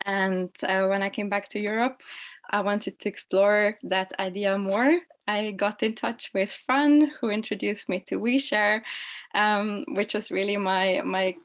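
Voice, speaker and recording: Woman panelist from Austria, mid pitch, thoughtful, call audio. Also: measured pace. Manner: reflective, steady, with ums. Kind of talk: online panel introduction. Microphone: video call.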